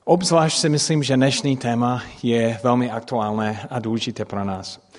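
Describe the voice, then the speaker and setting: A middle-aged native English speaker, whose English-speaking accent comes through in Czech, preaches a sermon built on personal stories. His voice is medium-pitched with fairly even intonation, and he haltingly searches for words and makes grammatical slips. A long hall reverb surrounds him.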